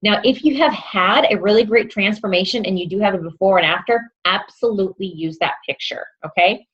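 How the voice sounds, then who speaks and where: A woman's voice: mid-range voice, brisk, a bit bright, husky, dull audio. A woman fitness coach giving upbeat, encouraging advice to new coaches, often checking in with her listeners. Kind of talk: instructional talk to new coaches.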